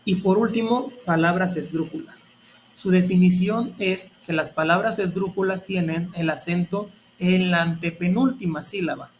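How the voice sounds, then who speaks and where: High-voiced teacher explaining patiently. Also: male voice, normal speed, slight background noise. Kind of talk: explaining a grammar lesson.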